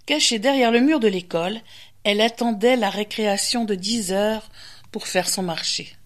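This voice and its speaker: A woman storyteller and radio host reading a children's tale aloud with lively, expressive pacing. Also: fairly high pitch.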